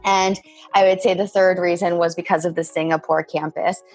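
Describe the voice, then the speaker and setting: Low, flat-voiced woman in her thirties. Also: soft background music. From born in Bulgaria, raised in California. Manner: measured, often says "kind of". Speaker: MBA graduate interviewee. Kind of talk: reflective interview answers.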